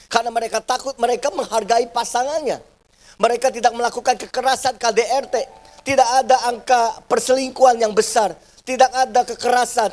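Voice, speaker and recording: A man pastor preaching a sermon to his congregation, calling them "brothers and sisters" and acting out the voices of people in his stories. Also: extremely high pitch. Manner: addresses the congregation as "saudara" often, acts out quoted family voices. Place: church service.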